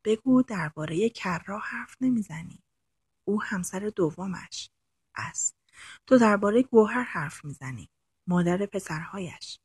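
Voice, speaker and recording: A gentle young woman's spirit coaxes in a hushed voice, as a female narrator reads her. The tone is soft and encouraging. It sits close and dry. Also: medium pitch, animated, breathy edge, dry recording. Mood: coaxing. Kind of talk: audiobook narration.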